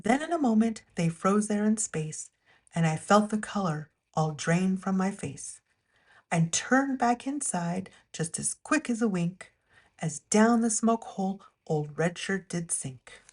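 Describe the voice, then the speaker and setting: A woman acts as storyteller, reading a rhyming picture book aloud in a measured, expressive storytime style. Her pitch is medium.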